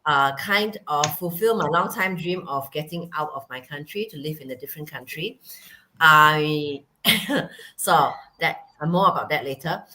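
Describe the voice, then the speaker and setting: A woman's voice: sits low, measured pace, pushed and bright, a little hiss or hum. A middle-aged woman from Singapore, a guest chatting casually over a video call, with laughing asides. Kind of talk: casual self-introduction.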